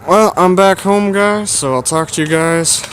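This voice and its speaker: A man's voice: high voice, measured pace, fairly bright tone. Canadian man vlogging over ambient noise. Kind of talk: casual rambling chat to viewers.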